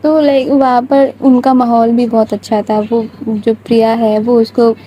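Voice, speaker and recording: A woman's voice: fairly high pitch, little pitch movement, dull audio, slight background noise. A woman telling a love story in a chatty, informal way, talking straight to her listeners. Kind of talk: casual spoken storytelling.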